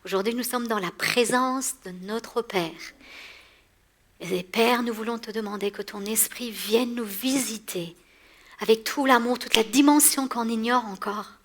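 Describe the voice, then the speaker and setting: A woman from Iran in her forties preaching a sermon in a church to a women's gathering, animated, laughing often and repeating words as she goes. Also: on the high side, unhurried, slight background noise. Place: church hall.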